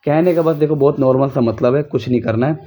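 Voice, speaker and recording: A man's voice: medium pitch, fast, mellow. Man teaching chemistry, quizzing himself. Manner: repetitive, drills students with rhetorical questions. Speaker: chemistry tutor. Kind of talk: casual recorded lesson. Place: home.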